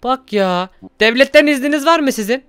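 A man narrates a Minecraft role-play quickly and theatrically, scolding and sighing as he goes. His voice is crisp and clear. It is recorded close on a desk mic in a dry, dead room. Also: extremely high pitch, animated, fairly bright tone, no echo. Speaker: gaming youtuber host.

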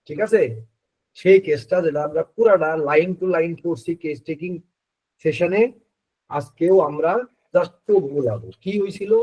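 A man delivers a homeopathy lecture, walking students through case notes in quick spoken lists. His voice sits on the higher side, and he leans on certain words to stress them. The recording is dull and lo-fi. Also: a little mellow. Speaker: homeopathy instructor. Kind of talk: lecture on repertory practice.

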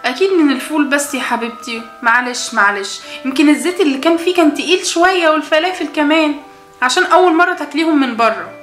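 A woman's voice: high voice, animated, quick pace, a bit bright, soft background music. A woman with an Egyptian Arabic accent voicing a caring mother doll in a soothing, motherly way. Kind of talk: doll play acting. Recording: echoey room.

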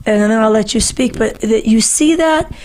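A middle-aged female host of a political panel show speaks with earnest, emphatic conviction, repeating phrases for stress in impassioned commentary. Her voice sits on the high side with a darkish tone, at a moderate pace. She is recorded close on a boom-arm podcast microphone inside a small studio lined with books.

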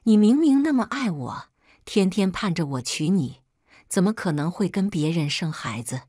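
Give me a woman voicing an arrogant young man in a storybook, shouting accusations in a low, lively voice. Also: moderate pace, dry recording, clean studio sound. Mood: furious.

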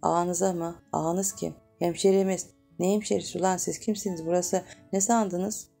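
Woman reading snippy dismissive porter guy, low gravelly voice. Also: steady tone, moderate pace, warm tone, faint music behind. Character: cheeky snappish male office porter.

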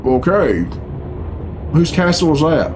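Against a noisy background and game cutscene music, the middle-aged man speaks slowly but animatedly in a fairly high voice. As a reaction video host at his computer in a small room at home, he offers unscripted, blunt, sweary and bemused commentary.

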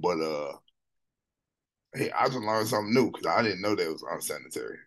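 A man hosting a music reaction video, talking in a loose, slangy, animated way and often repeating lines from the song. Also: low-pitched, a little fast. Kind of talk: casual song reaction commentary.

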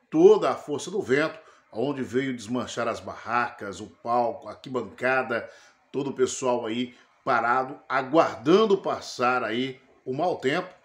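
Brazilian guy doing local news, middle-aged, echoey room sound. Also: mid-range voice. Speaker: news reporter. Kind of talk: news presentation to camera. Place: small indoor studio with backdrop. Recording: roomy, echoing studio sound.

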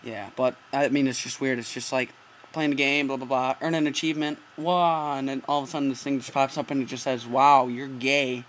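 On a noisy recording from a close-up laptop mic, a teenage boy pulls a casual prank call with an earnest, straight delivery. His medium-pitched voice is level, a bit bright, and slightly fast.

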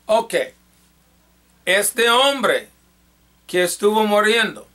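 A man teaching a Bible lecture in a church, halting as he talks, often repeating and correcting himself. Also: high-pitched, pushed and bright.

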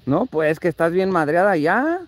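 A man's voice: high voice, animated, moderate pace. A Mexican man live-streaming a vlog in casual chat, teasing and swearing freely. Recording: noisy live-stream audio.

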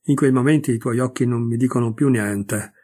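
A man's voice: mid-range voice, fairly quick, a little mellow, slightly rough, close to an everyday voice. A man reading aloud voices a devoted young woman who pouts at her lover, in a raised, plaintive delivery. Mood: pouting.

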